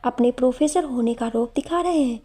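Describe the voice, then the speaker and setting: A woman voicing a shy, coy young female student in a read-aloud story, with a breathy, fairly high voice. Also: brisk, warm tone. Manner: shy, teasing.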